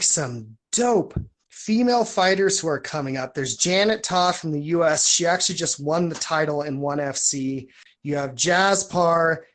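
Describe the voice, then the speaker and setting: A woman in her thirties co-hosting a casual chat, informal and slangy with a joking streak. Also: sits low. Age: 30s. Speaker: podcast co-host.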